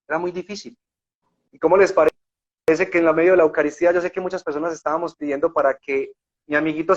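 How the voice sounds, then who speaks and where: A man's voice: a little high, muffled recording. A man with a Colombian accent, a guest sharing a faith testimony in conversational storytelling, fervent and emotional, often checking in with his listeners.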